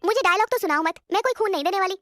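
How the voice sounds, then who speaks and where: A dismissive, arrogant young woman from a rich family in an animated drama, as a woman acts her. The voice is very high and quick. It is rude and unbothered in tone. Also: no echo, clean studio sound. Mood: callous.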